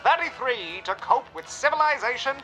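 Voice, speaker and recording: A man doing a booming old newsreel announcer. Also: animated, moderate pace, pushed and bright, faint music behind, full character voice, low-quality recording. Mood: grandiose. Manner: old newsreel announcer delivery, dramatic and declaiming. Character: booming 1930s male newsreel announcer, grandiose. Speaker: podcast co-host. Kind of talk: theatrical reading of an old press book.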